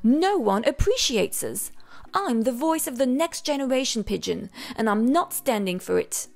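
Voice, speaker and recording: A woman reading aloud, voicing an indignant young male pigeon who blurts out his complaints in a raised, higher voice. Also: sing-song, slow, creaky, full character voice. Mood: agitated. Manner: blurting, agitated, higher pitched.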